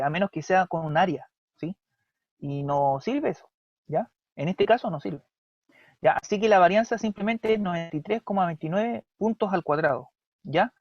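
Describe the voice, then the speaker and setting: Chilean teacher checking "¿ya?" on a dull mic. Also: male voice, sits high, darkish tone, dry recording. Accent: Chilean Spanish. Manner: explains step by step, often checks with "¿ya?" and "¿sí?". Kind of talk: recorded online class lecture.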